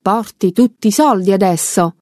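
A woman voicing an impatient, bumbling male bank robber who shouts orders, in a read-aloud story. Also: mid-range voice, normal speed, no echo, studio quality, natural voice.

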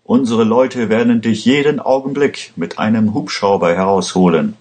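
A man voicing a caller who shouts urgent warnings down the phone in an audiobook. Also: lowish voice, moderate pace, natural voice. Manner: urgent, insistent.

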